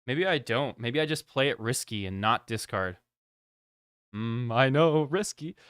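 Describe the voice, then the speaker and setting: A man runs a live board game stream, talking through his turns in a loose, chatty way. He teases his opponent and laughs easily. His voice sits in a middle pitch, and the sound is dry and close. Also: expressive, a little slow, a bit bright, smooth, dry recording. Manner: chatty, teasing, laughs often. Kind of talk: casual livestream chat while playing.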